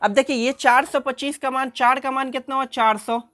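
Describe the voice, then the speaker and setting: A woman's voice: high voice, fairly even intonation, brisk, fairly bright tone. A woman teaching a math lesson who asks her class questions, answers them herself and repeats the key terms.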